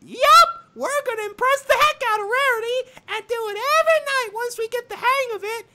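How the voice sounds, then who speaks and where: A woman voicing a squeaky, cheerful cartoon mouse in a strained falsetto while reading a story aloud. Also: noisy background. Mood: squeaky, chipper. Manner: squeaky Mickey Mouse-style falsetto, slow storybook delivery. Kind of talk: comic fan fiction read-aloud.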